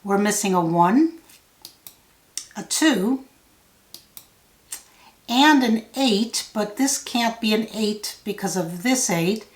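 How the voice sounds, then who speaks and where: Slow-paced woman thinking out loud, roomy sound. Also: mid-range voice, lively intonation. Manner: thinking out loud step by step, measured. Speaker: puzzle tutor. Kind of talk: solve-along tutorial, thinking out loud.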